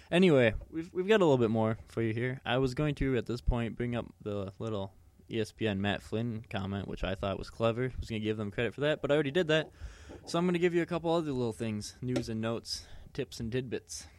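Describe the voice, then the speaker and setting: A man's voice: medium pitch, fast talker, few pauses. A man co-hosting a podcast in casual sports chat, rambling with many fillers and restarts. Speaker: podcast co-host.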